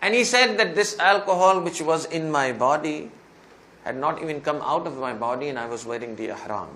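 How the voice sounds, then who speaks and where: A male preacher with a somewhat high voice tells a sermon story in the first person, voicing another man's words. His delivery climbs to loud, emphatic pleas at the turning points. A faint hiss of background noise sits behind him. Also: expressive, moderate pace. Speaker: Islamic preacher.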